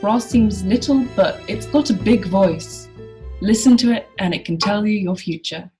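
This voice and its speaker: Calm, wise mother, measured and gentle, voiced by a woman reader. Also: mid-range voice, faint music behind, lightly acted. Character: patient, earthy mother, woman.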